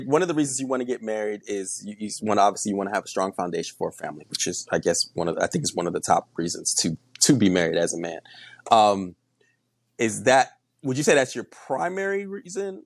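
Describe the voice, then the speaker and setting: A man's voice: lowish voice, dry recording. A man guesting on a casual podcast chat, asking curious, probing questions.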